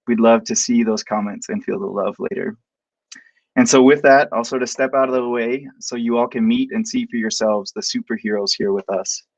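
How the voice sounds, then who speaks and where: A man's voice: medium pitch, dry recording. Earnest man giving thanks, dull dry audio. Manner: earnest, grateful, measured. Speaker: book author and event host. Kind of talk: formal event speech.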